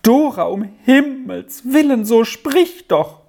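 A storyteller voicing a fretful aunt who wails and laments loudly in a high voice. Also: expressive, a little slow. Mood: alarmed. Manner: high, loud, wailing. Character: fretful wailing aunt, woman, middle-aged.

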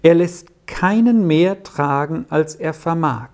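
Audiobook: tender mother as voiced by the reader, soft and slow. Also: medium pitch. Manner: soft, reassuring. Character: gentle, loving mother, calm and tender. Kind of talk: audiobook reading.

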